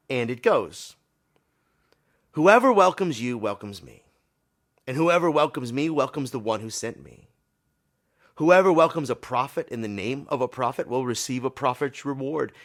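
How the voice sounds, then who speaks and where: A pastor hosts his podcast sermon in a mid-range voice that sounds tired and a little scratchy. He speaks informally, with small repetitions.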